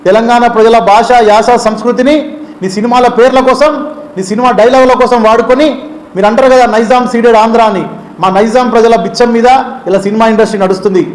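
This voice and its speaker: Man with a Telangana accent, student-leader type. Rapid, heated political tirade, accusing throughout. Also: very high-pitched, steady tone. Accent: Telangana Telugu. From Telangana, India. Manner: heated, accusing, rhetorical questions. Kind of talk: political speech to camera.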